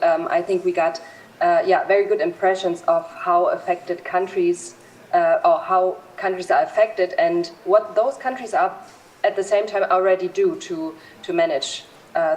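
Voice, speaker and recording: A woman giving a conference presentation in a measured way, with many "um"s. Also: fairly low pitch, darkish tone, low-quality recording. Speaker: panel speaker from civil society.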